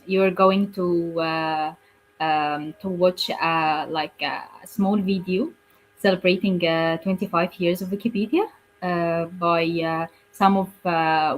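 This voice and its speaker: Female webinar host, low pitch, filler-heavy sign-off, faint hum. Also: fairly even intonation, slow pace, rough recording. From Egypt. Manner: warm thanks, filler-heavy. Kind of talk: closing remarks on a webinar.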